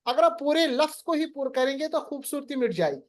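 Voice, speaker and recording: Teaching Quran recitation online, a man quizzes his student and draws out recited words slowly. His pitch is extremely high and swings by large amounts.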